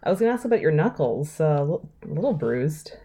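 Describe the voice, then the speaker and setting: A woman's voice: sits low, very animated, brisk, a crowd in the background. A woman voicing a friendly young woman who chats with her housemates in a role-play.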